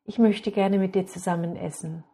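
A woman's voice: on the low side, steady tone, moderate pace, dark tone, husky. A woman reading out a small boy who earnestly begs his father.

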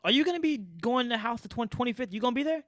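A man hosting a podcast, chatting casually in relaxed slang. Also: very high voice, rapid-fire, no room sound. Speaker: podcast host. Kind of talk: casual chat.

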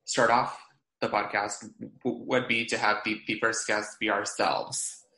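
With a lowish, bright, forceful voice, a podcast co-host in his twenties talks casually at a measured pace and in a level tone. He stutters, repeating sounds and hitting blocks. Roomy echo colors the recording.

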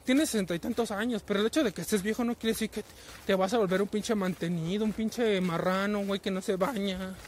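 A man's voice: high voice, steady tone, a little fast, a little hiss or hum. A man in his twenties with a Mexican Spanish accent, telling stories in a casual, profane rant full of slang and constant güey fillers. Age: 20s. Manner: profane, slang-heavy, fillers of güey after nearly every phrase. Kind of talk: casual ranting storytelling. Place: travelling in a vehicle.

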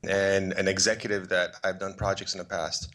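A middle-aged filmmaker and photographer from Poland, raised on the American East Coast, appears as a guest on a podcast in a relaxed interview. He rambles loosely with lots of fillers and restarts, his deep, slightly bright voice barely moving in pitch at a normal speed.

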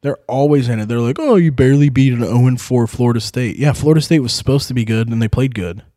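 A man's voice: mid-range voice, fast talker, dry recording, clean studio sound. A man hosting a sports podcast, chatting casually about football picks with rowdy, profane outbursts. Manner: rowdy, swearing, excitable outbursts.

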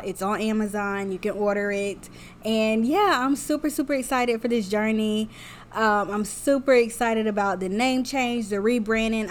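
A woman in her thirties hosting her own podcast alone, talking candidly and from the heart, and calling her listeners y'all. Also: mid-range voice. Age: 30s. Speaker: podcast host. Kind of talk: solo podcast monologue.

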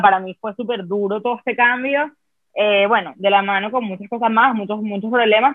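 A woman's voice: medium pitch, no room sound. A woman hosting a casual podcast, speaking frankly and rambling with lots of fillers. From Venezuela. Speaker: podcast host. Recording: dry, phone-like sound.

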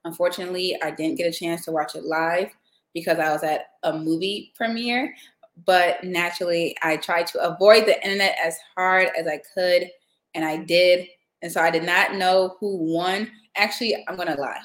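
A woman with a slightly low voice hosts a casual podcast, rambling along with plenty of fillers. She is recorded in an echoey room. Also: steady tone, moderate pace. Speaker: podcast host. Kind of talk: casual chat.

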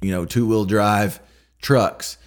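A man's voice: fairly low pitch, steady tone, takes it slowly. Rambling, conversational male podcast host. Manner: rambling, conversational, restarts with frequent fillers. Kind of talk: casual solo podcast monologue.

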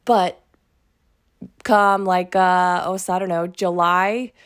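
A woman's voice: lowish voice, fairly even intonation, takes it slowly. Scratchy-voiced woman podcast host. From Oklahoma. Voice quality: chatty, rambling with fillers. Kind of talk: casual podcast chat.

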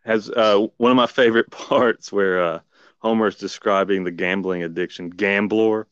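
A lower-voiced man co-hosting a casual podcast, telling a story with lively acted-out voices. His voice sounds dry and close, with no room around it. The recording has a dull, lo-fi tone. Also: moderate pace, no room sound. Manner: animated storyteller acting out quoted voices. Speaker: podcast co-host.

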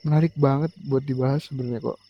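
A man's voice: medium pitch, steady tone, quick pace, dry recording, highs cut off. A male podcast host chatting casually and encouraging his guest with frequent short affirmations. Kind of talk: casual chat.

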